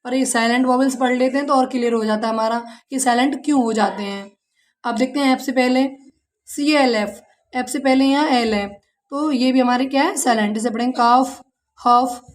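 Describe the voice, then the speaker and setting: A woman's voice: sits high, a little fast. A woman with an Indian accent teaching an English lesson in Hindi. She spells words out letter by letter, asks her students questions and calls them "beta" like a mother. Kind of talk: classroom-style language lesson.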